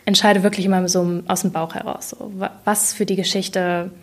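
A woman's voice: fairly low pitch, little pitch movement, normal speed. A woman author chatting in a podcast interview with many fillers, then reading aloud from her novel. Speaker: author and guest.

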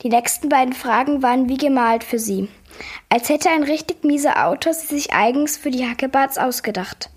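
A woman with a husky voice reading a comic story aloud. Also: high voice, moderate pace. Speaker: narrator. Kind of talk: read-aloud story narration.

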